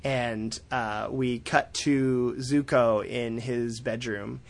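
A man casually recapping a cartoon episode, acting out the characters' lines in quick voices and laughing often. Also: mid-range voice, gravelly. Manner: animated retelling, acts out quotes in quick voices. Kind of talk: casual chat.

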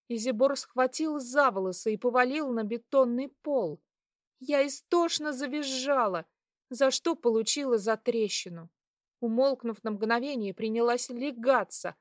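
A woman reading a first-person story aloud in a measured, steady way. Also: fairly high pitch, no echo, clean studio sound. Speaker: audiobook reader. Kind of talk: first-person scripted narration.

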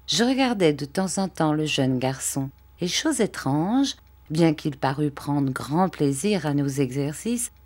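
Low-voiced woman reading a novel aloud. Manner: measured, expressive reading. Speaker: audiobook narrator. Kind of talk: literary audiobook narration.

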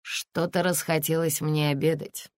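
A woman's voice: sits low, flat delivery, a little slow, no room sound, clean studio sound. A woman voicing a reserved grown man who speaks tersely and reproachfully. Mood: curt.

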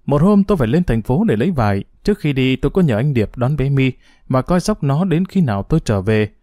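A man's voice: mid-range voice, very animated, a little fast, warm tone, dry recording, clean studio sound. A man reading a first-person story aloud in an earnest, scripted narration.

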